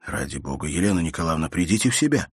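A man's voice: a bass voice, very animated, very fast, breathy edge, no room sound, studio quality, heavily acted. A man reading an audiobook, voicing an earnest young man who reassures and insists anxiously. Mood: anxious reassuring. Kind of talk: audiobook character voice.

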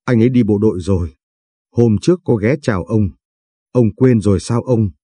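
A man's voice: lowish voice, moderate pace, dark tone, breathy edge, no echo. A man voicing a young woman, a new doctor and devoted granddaughter who pleads affectionately with her grandfather. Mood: gentle.

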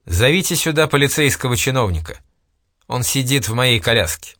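A stern aristocratic official, measured and commanding, as a male reader voices him. Firm questions, close and dry sound. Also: medium pitch, expressive, sharp tone, no echo.

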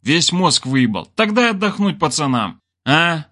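A man voicing a rowdy young male bassist who talks crudely and flares up with curses. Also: very animated, measured pace, pushed and bright, heavily acted. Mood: brash. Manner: crude, brash, swearing.

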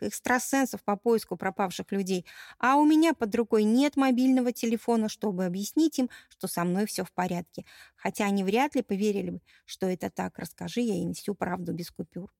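Gravelly, dark-voiced woman narrator. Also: mid-range voice, dry recording, clean studio sound. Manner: wry, lively storytelling. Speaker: audiobook reader. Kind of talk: first-person audiobook narration.

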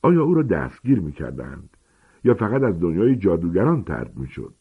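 Deep, husky storybook narrator. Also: male voice. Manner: dramatic, expressive reading. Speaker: audiobook narrator. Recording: tinny phone-like sound.

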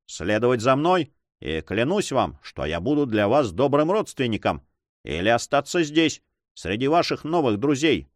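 A man's voice: medium pitch, sing-song, moderate pace, no echo, studio quality, lightly acted. A man reading a gracious cheerful marquis. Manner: courteous, gracious.

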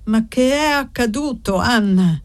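A woman's voice: a little high, animated, measured pace, dry recording, voice pushed up. A woman reading the part of an old male shepherd who asks anxious, fatherly questions in an audiobook. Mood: alarmed. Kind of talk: audiobook character voice.

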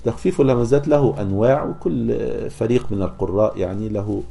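A man gives a lesson in a low, mellow voice. He keeps posing rhetorical questions to his students. He slows into a measured chant for verses and examples. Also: gravelly. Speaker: teacher of Quran recitation. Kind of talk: explaining a scholarly text to students.

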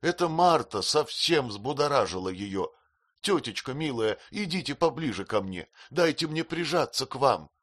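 A man's voice: medium pitch, very animated, measured pace, fairly bright tone, pitched above the performer's own voice. A man reading an audiobook voices a tearful, childlike young woman who sobs and pleads. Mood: pleading. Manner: sobbing, pleading.

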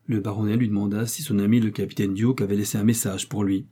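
Husky, dark-voiced male audiobook narrator. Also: on the low side, steady tone, quick pace. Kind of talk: scripted narration.

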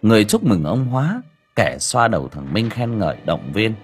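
A man narrating an audiobook in a dramatic, expressive way. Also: on the low side, moderate pace, faint music behind. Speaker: storyteller.

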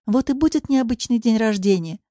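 A woman's voice: on the high side, expressive, brisk, dark tone, no echo, studio quality, voice pushed up, lightly acted. A woman reading the part of a grumbling woman near forty in an audiobook. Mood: wistful.

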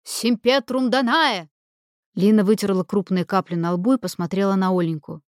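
A woman narrating an audiobook in a measured, expressive way. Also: lowish voice, no echo, studio quality.

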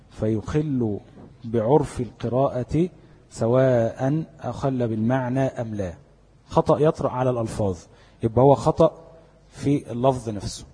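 A husky, breathy-voiced man with an Egyptian Arabic accent gives a tajweed lesson, posing questions and then answering them himself. His mellow, dark voice rings out with a long reverb, as if in a large hall. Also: medium pitch. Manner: explains step by step, asking and answering his own questions. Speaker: Quran recitation teacher. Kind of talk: classroom lecture on tajweed.

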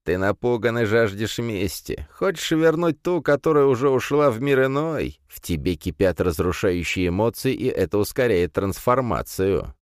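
A man voicing a sly, mocking old man with a thin creaking voice who speaks in riddles. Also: fairly low pitch, lively intonation, moderate pace, hardly any pauses, no room sound, studio quality, voice pushed up, natural voice. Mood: sly, cryptic. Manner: mocking, cryptic.

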